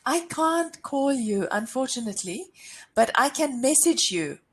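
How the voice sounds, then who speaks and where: A woman's voice: sits high, big pitch swings, a little slow, breathy edge. A woman tutoring English over a call, speaking politely and apologetically. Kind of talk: casual call wrap-up.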